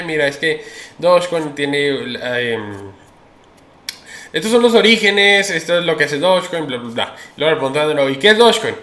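A man's voice: fairly high pitch, a bit bright, roomy sound. A man hosting a casual crypto news show, chatty and opinionated, with many restarts and fillers.

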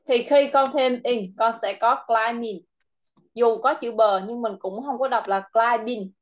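Patient female English tutor with a Vietnamese accent, slightly high-pitched, explains slowly. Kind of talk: online English lesson for a child.

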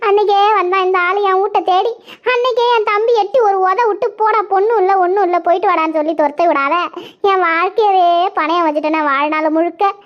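A woman's voice: very high-pitched, brisk. A woman voicing a married village woman who wails and laments about her in-laws, in a cartoon. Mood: lamenting. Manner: wailing, lamenting, sing-song complaint. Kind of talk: cartoon voice acting. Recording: muffled lo-fi recording.

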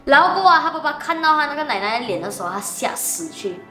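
A woman co-host, telling a ghost story in an animated, dramatic way in casual chat. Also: high voice, racing, reverberant, faint music behind.

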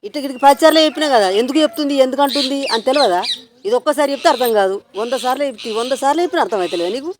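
A woman's voice: sits high, lively intonation, noisy background. A woman, nagging and scolding over and over in a scripted village prank skit. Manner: nagging, repetitive, rapid scolding.

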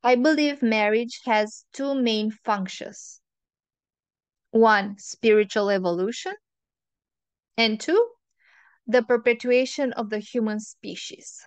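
A woman hosts an advice monologue, earnest and opinionated, working through her points one by one. Her voice sits a little high and sounds smooth and clean. She speaks slowly, recorded close and dry with no room sound. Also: dry recording. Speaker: relationship advice host.

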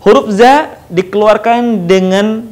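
A man teaching Quran letter pronunciation, explaining slowly and chanting syllable drills in a higher sing-song tone. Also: a little mellow. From Indonesia. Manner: measured explanations broken by high sung syllable drills. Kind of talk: slow phonetics lesson with chanted drills.

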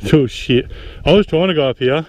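A man's voice: a little high, a little mellow. A young man riding dirt bikes outdoors on muddy trails, chatting casually with lots of laughing and swearing. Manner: laughing, swearing, easygoing banter. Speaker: dirt bike rider filming the ride. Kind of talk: casual chat.

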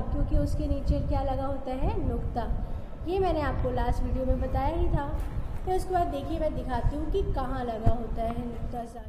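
A woman teacher giving an online lesson to young children, patiently asking questions and answering them herself, saying each word slowly to show how it is spoken. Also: high voice, background noise. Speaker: school teacher.

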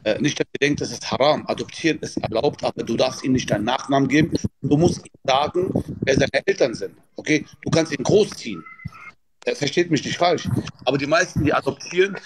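A man's voice: medium pitch, a little fast. A middle-aged man chatting casually as a guest on a livestream. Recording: clearly noisy livestream audio with clicks.

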